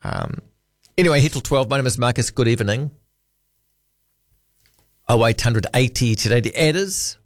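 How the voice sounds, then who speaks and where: A man's voice: mid-range voice, sing-song, moderate pace, pauses often, no echo, clean studio sound. A man hosting a late-night talkback radio show, chatting and bantering with callers. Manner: chatty, warm-hearted banter, restarts. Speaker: radio host. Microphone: studio microphone.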